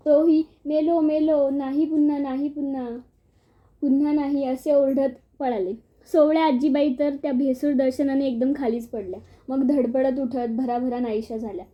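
A woman reading a humorous village story aloud, telling it expressively and acting out the outbursts. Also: sits high. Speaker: audiobook narrator. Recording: dull lo-fi recording.

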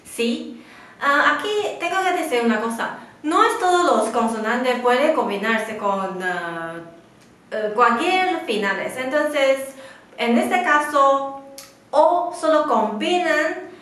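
A woman, a Mandarin speaker, giving a slow and patient beginner lesson, drawing out syllables for her students to repeat. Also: sits high, animated, a bit bright. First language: Mandarin Chinese. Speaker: Chinese teacher. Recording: roomy echo.

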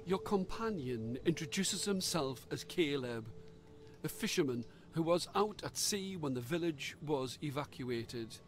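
A man reading a dark gamebook aloud in a slow, measured storytelling manner. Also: on the high side, lively intonation, soft background music. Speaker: narrator.

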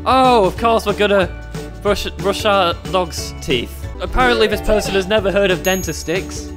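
A man's voice: sits high, normal speed. A British man in his twenties doing casual, jokey, sarcastic and sweary gaming commentary for his channel. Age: 20s. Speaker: YouTube gaming host. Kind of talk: casual let's-play commentary. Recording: music behind the voice.

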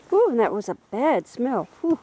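A woman's voice: a little high, sing-song, unhurried, dark tone. A woman filming a forest hike, chatting casually with short agreeing replies and easy laughs. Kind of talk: casual chat. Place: forest trail outdoors. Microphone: handheld camera.

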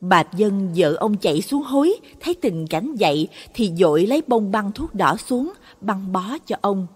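A woman's voice: mid-range voice, expressive, unhurried, a little mellow, husky. A woman narrating a Buddhist morality story with dramatic expression. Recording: long reverb.

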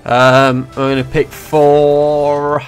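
A young man giving excitable, swear-filled commentary on his first time playing a game, with constant startled exclamations. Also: on the high side, extremely slow, soft background music. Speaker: gaming YouTuber. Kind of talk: casual gameplay commentary.

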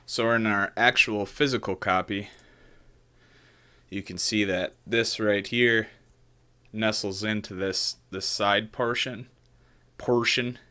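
A man in his thirties talks through a modeling project from a small room at home, loose and unscripted, often restarting and checking in with "right?". His voice sits low yet sounds forward and crisp. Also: fairly even intonation, slow pace, pauses often, pushed and bright. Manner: loose, thinking aloud with frequent "right?" and restarts. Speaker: maker demonstrating 3D modeling. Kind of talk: casual screen-share tutorial.

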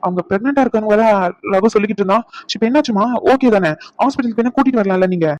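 A man voicing a young hospital worker in a cartoon; he talks in a brisk, bossy way and mixes in English words. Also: high-pitched, darkish tone, no room sound, highs cut off, lightly acted. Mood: polite. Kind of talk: cartoon voice acting.

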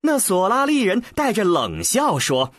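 Slow, expressive male storyteller. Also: high voice, dry recording, studio quality. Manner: expressive, deliberate storyteller's delivery. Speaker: audiobook narrator. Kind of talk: storytelling audiobook narration.

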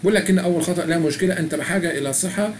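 A middle-aged man with an Egyptian Arabic accent, sitting high in pitch, talks rapid-fire through a screen-recorded language app walkthrough, chatting and reading prompts aloud. The background is noisy.

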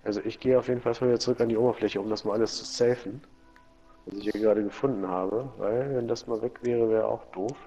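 A man chatting easily while playing a game, slangy and quick to cheer his finds. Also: medium pitch, steady tone, warm tone, lo-fi sound, soft background music. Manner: easygoing, slangy, exclaims over finds. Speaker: Let's Play commentator. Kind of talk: casual gaming chat.

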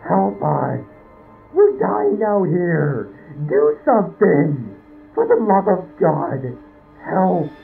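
A man voicing a desperate, ghostly survivor pleading in a strained, drawn-out way through a radio-like filter, in a horror story. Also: high voice, sing-song, creaky, soft background music, voice pushed up, exaggerated voice. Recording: tinny, distant, phone-like filtered sound.

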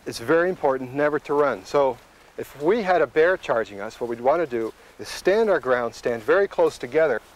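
Out on the open coastal tundra, a middle-aged man who works as a wilderness guide talks while hiking, giving plain, instructive explanations. He speaks at a medium pitch, animated and slightly quick, on a rough recording.

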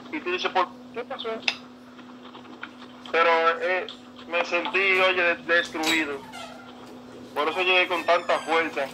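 In a relaxed interview, a man who plays baseball shares emotional, sincere stories and repeats himself a lot. His voice sits on the high side, bright and forceful, and the rough recording carries a little background noise.

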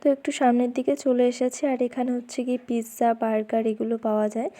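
Young woman vlogger, from West Bengal, India, slightly high and mellow voice, quick casual chatter. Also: level tone. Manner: chatty, repeats fillers while touring. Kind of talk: casual vlog narration. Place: outdoor food fair, evening.

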